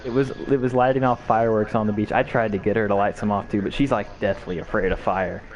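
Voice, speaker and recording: A man's voice: on the low side, level tone, quick pace, dull audio. A young man in casual chat over a game, rambling with lots of fillers, restarts and swearing. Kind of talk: casual chat while gaming.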